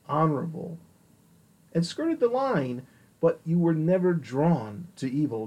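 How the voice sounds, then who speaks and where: A man's voice: a little high, mellow, breathy edge, exaggerated voice, low-quality recording. A man voicing a devout male ambassador who speaks earnestly and formally in an audiobook reading. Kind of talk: audiobook character voice.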